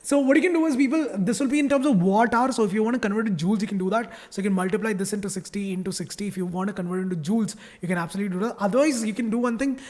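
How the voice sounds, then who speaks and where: A man's voice: high-pitched, very fast, few pauses, a little mellow. A male teacher with a South Indian English accent runs a live online class in a chatty, teasing way. He keeps firing questions at his students and pretends that easy problems are terrifying. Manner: playful, mock-dramatic teasing.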